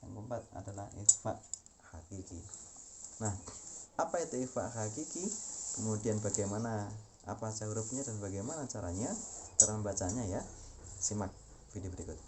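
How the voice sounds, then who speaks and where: A man's voice: on the low side, normal speed, long pauses, noisy background. A man teaching a Quran recitation lesson, explaining patiently and chanting examples several times. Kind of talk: tajwid lesson.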